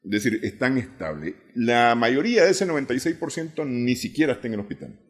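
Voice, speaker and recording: A male political analyst with a Nicaraguan accent appears as a guest on a talk show, speaking in a measured way and often repeating words as he works through figures. His voice is mid-range and he is very animated.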